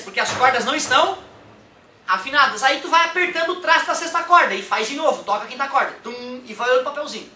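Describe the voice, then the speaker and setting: A man teaching a casual music lesson, animated and chatty, often checking in with his listeners. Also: very high-pitched. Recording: roomy echo from a distant mic.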